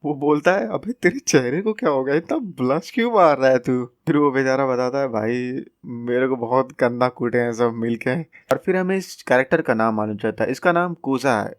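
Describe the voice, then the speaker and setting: A man's voice: mid-range voice, moderate pace, hardly any pauses, no room sound, studio quality. A young man retelling a comic story in casual slangy style, joking asides and acting out the characters' lines. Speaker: manhwa recap narrator.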